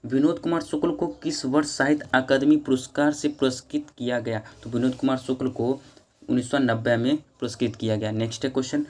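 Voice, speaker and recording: A man's voice: medium pitch, a little mellow. A man going through exam questions one by one, reading each question and then repeating it as he gives the answer.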